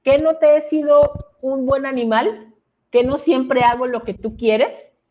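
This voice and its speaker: A woman voicing a wronged female donkey in a Bible story, asking slow, pleading questions. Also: sits high, fairly even intonation, muffled recording.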